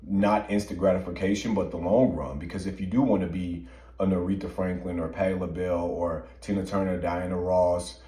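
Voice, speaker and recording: Male podcast co-host, low mellow voice, earnest chat, echoey room. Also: fairly even intonation, fairly quick. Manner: earnest, emphatic opinions with many fillers. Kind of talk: casual chat.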